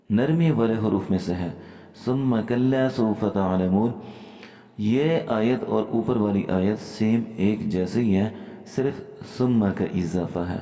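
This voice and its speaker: A man with a low, mellow voice gives a calm, methodical lesson on reciting the Quran, breaking each word into its letters. Between explanations he recites verses slowly and draws them out. The recording sits in an echoey room with a long, lingering reverb.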